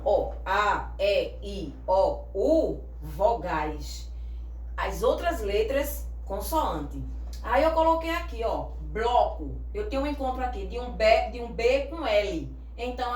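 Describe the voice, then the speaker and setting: A woman teacher with a slightly high voice explains a grammar lesson at an easy, patient pace. She spells letters out slowly and checks in with the class. She sounds set back from the mic in a roomy, echoing space. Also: a little hiss or hum. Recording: echoey room, voice from far off.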